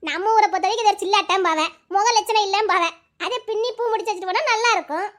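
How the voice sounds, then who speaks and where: A woman's voice: very high-pitched, very fast. Woman playing a blunt, gossipy village mother-in-law. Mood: scolding. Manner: scolding, gossipy, preachy.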